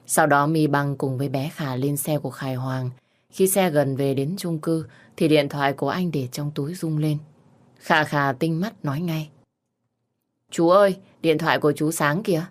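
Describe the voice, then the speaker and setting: A woman narrating a scripted romance story in a steady, even storytelling manner. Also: low-pitched.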